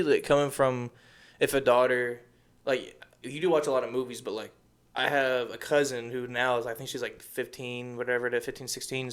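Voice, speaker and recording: A young man co-hosting a casual podcast chat, animated and rambling, full of slang and restarts. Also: mid-range voice, clean tone. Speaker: podcast co-host.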